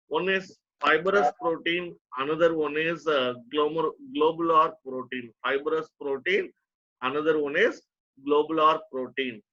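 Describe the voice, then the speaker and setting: A man's voice: on the high side, pushed and bright, lo-fi sound. A man with an Indian accent teaching a lesson step by step, often repeating phrases for emphasis. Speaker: teacher, lecturer. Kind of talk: online lecture to a nursing student.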